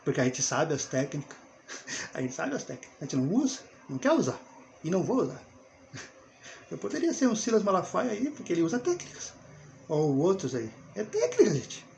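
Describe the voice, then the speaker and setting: A man with a Brazilian Portuguese accent teaching the Bible in a relaxed, conversational way, often checking in with his listeners and chuckling as he talks. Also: high-pitched, normal speed, creaky, a little hiss or hum. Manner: chatty, with rhetorical check-ins and frequent chuckles. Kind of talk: informal conversational Bible talk.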